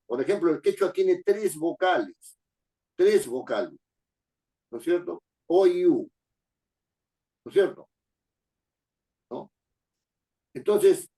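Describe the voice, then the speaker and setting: Hombre mayor que da clase con tono enfático. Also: male voice, fairly high pitch, mellow, rough recording. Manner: emphatic, repeats phrases, asks for confirmation. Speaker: lecturer. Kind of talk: classroom lecture.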